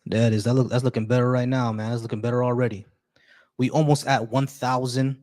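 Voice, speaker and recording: A livestream host with a medium-pitched voice talks briskly, relaxed and chatty, giving viewers shout-outs and often restarting his sentences.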